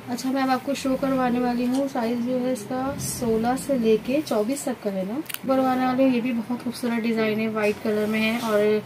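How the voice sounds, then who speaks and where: A woman with a Pakistani accent and a slightly high, level voice shows off wholesale stock in an indoor garment shop crammed with fabric. She talks at a moderate pace with few pauses, repeating herself and slipping in English words in a casual sales pitch. The handheld phone recording is clear but has background noise.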